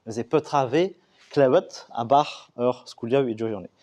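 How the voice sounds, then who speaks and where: Halting man with a mellow voice. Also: medium pitch. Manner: halting, many fillers and restarts. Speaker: Breton language speaker discussing regional and school Breton. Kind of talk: explanatory talk.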